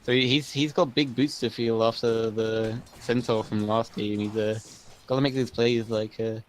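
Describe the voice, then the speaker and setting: A man's voice: mid-range voice, steady tone, normal speed, slight background noise, poor audio. A man giving live analysis of a video game match in a chatty, analytical way. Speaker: esports caster.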